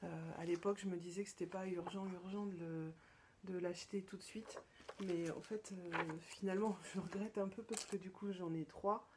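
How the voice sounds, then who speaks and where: A woman from France hosting her own podcast, chatting casually and hesitantly, with many fillers and restarts and soft whispered asides. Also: lowish voice, fairly even intonation, brisk, hardly any pauses, background noise. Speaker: podcast host. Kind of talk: casual show-and-tell chat.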